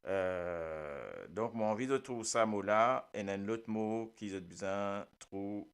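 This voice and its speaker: A man's voice: on the low side, expressive, unhurried, smooth. A man with a Mauritian Creole accent, hosting a casual live radio chat, playful and chatty, laughing often and jumping between topics. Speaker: radio show host.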